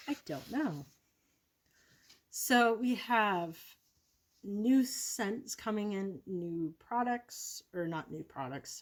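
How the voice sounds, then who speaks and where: A woman vlogging casually about her product predictions, rambling and correcting herself with many ums. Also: mid-range voice.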